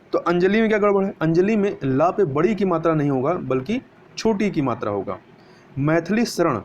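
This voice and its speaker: A man's voice: a little high, darkish tone. Man teaching spelling, dull lo-fi sound. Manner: explains step by step, asks and answers his own questions. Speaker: Hindi grammar teacher. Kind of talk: exam-prep spelling lesson. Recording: dull lo-fi recording with faint hiss.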